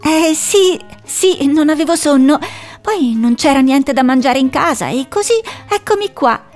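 A nervous young owl girl, put on by a woman reading a storybook aloud chirps and frets in a high, jumpy voice. She sounds evasive and easily flustered, with her pitch swooping upward. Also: expressive, unhurried, darkish tone, soft background music.

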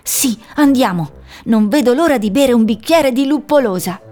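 A woman voicing a young male hedgehog who is an eager, fidgety inventor, chattering excitedly. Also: fairly high pitch, normal speed, faint music behind, natural voice. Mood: glad. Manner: excited, chattering, easily startled.

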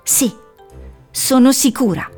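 A woman voicing a young female owl who is cheerful and caring, talking in a bright, reassuring way. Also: sits high, slow, husky, soft background music, exaggerated voice. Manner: bright, reassuring, a little anxious underneath.

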